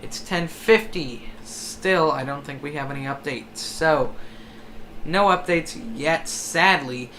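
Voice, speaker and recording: Tracking a hurricane on a livestream, the host comments on forecasts with hesitation and repeated self-corrections. The mid-range voice moves slowly and sounds pushed and bright, over noticeable background noise.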